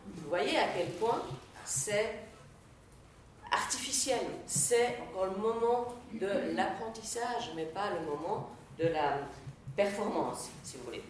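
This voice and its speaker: A woman's voice: medium pitch, a little hiss or hum. Echoey, distant woman teaching a class. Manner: explanatory, frequent hesitations and fillers. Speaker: Latin teacher. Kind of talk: lecture.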